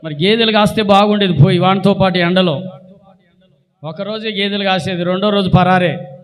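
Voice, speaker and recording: A man preaching a sermon as a pastor, exhorting his congregation with loud declarations and quiet asides. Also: high-pitched, fairly even intonation, moderate pace. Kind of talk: sermon with prayer and call-and-response. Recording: long reverb of a church hall.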